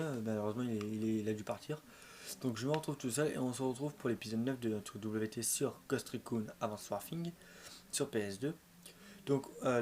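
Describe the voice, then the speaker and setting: A man's voice: mid-range voice, a little mellow. A man giving casual let's-play commentary as a gaming video host, rambling and often repeating or correcting himself. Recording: clearly noisy home recording.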